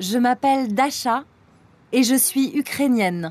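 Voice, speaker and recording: A woman's voice: high-pitched, normal speed, darkish tone, natural voice. A woman playing a cheerful young female student in a scripted course dialogue, giving eager short answers. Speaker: student in a textbook audio.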